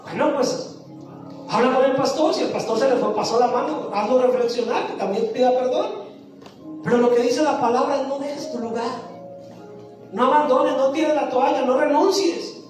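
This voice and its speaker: A woman's voice: high voice, normal speed. A woman pastor preaching a sermon, asking the congregation questions and answering them herself. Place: church sanctuary. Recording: echoey church from far off, faint music.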